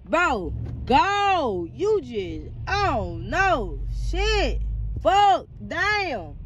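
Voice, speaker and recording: A man's voice: wildly swooping pitch, very slow. A man, a truck driver, recording a phone video of himself as he drives, rambling casually to his viewers with lots of repeated words. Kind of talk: casual talk to viewers while driving. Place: truck cab on a highway. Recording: loud road rumble from a phone.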